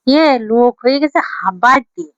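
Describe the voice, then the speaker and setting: High, smooth-voiced teasing woman. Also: lively intonation, moderate pace, no room sound, highs cut off. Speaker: vlogger. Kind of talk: casual chat with her husband.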